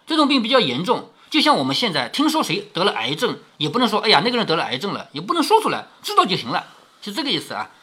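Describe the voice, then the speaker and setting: A man's voice: sits high, wildly swooping pitch, quick pace, sharp tone, husky. A man reading a classic novel aloud to his daughter, breaking off for chatty, explanatory asides. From southern Jiangsu, China. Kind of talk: storytelling with commentary.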